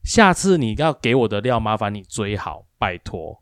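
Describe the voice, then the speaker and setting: A man, co-hosting a talk show and telling a workplace story in a lively, animated way, acting out both sides of an argument. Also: lowish voice, moderate pace, no room sound, studio quality. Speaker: co-host of a speaking-skills livestream. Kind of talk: casual storytelling chat.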